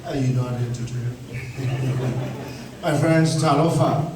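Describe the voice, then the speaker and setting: A man's voice: medium pitch, fairly even intonation, takes it slowly. A man from Samoa hosting a cultural show, playful and teasing, laughing at his own jokes and leading the crowd in call-and-response. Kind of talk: joking live show presentation. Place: live show venue. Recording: echoey, distant, with noisy ambience.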